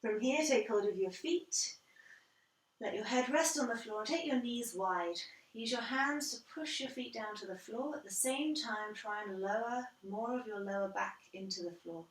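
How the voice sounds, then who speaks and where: A woman guiding a yoga class as instructor, calm and measured, step by step. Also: on the high side. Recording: roomy echo, distant from the mic.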